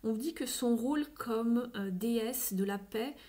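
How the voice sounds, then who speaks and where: A woman giving a casual tarot reading, thinking aloud with frequent fillers and slipping into soft whispery asides. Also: on the high side, measured pace. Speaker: tarot reader.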